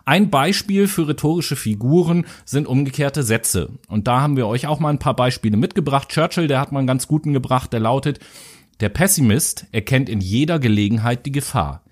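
Sarcastic mid-pitched man co-hosting. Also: animated, fairly quick. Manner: sarcastic, mocking, crude jokes. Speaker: co-host. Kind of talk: casual educational chat.

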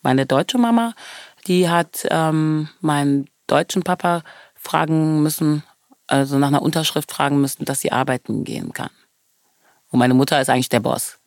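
A woman's voice: low-pitched, moderate pace, darkish tone, dry recording, studio quality. A woman from Germany, talking as an interview guest in an earnest, passionate way, stressing points by repeating words.

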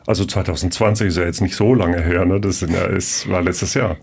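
A man's voice: sits low, fairly even intonation, a little fast, gravelly, a little mellow, slightly rough. A man hosting a podcast interview, chatty and enthusiastic. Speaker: podcast host. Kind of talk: interview chat.

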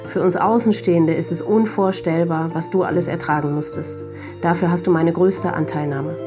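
A woman hosting a podcast, speaking gently and empathetically, in conversation and in a scripted closing. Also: on the low side, fairly even intonation, normal speed, music in the background. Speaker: podcast host.

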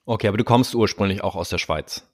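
A man with a lowish voice talks fast in clean, studio-quality audio with no room sound. He's hosting his own podcast as a conversational interview, asking long, rambling questions in a friendly way.

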